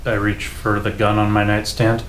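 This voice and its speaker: A man's voice: on the low side, completely flat delivery, normal speed, a bit bright. A man playing a tabletop role-playing game, speaking casually in character as a player. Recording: roomy echo, faint room noise.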